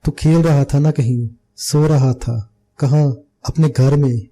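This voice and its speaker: A man's voice: medium pitch, fairly even intonation, takes it slowly, warm tone. A man voicing a scared little village boy who answers timidly, in an audiobook. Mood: frightened. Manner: timid, fearful pleading.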